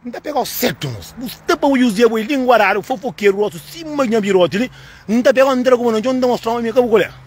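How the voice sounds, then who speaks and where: A Cape Verdean man talks fast and emphatically in a casual monologue to the camera, repeating himself and calling the listener "moço". His voice sits very high and sounds husky and breathy. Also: lively intonation. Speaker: channel host.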